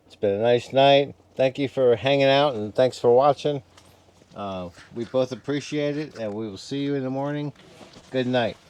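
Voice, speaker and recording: A tired, relaxed man chatting casually to his viewers from inside a heated tent at night, rambling and stopping to talk to his dog. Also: mid-range voice, normal speed, clean tone. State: tired after a meal. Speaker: camping vlogger. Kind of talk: casual vlog chat.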